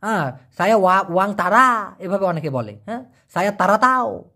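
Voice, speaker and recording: Lively-pitched man teaching phrases. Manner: repeats each phrase slowly and translates it, with a lively rise and fall. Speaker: Malay language teacher. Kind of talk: casual explanatory language lesson.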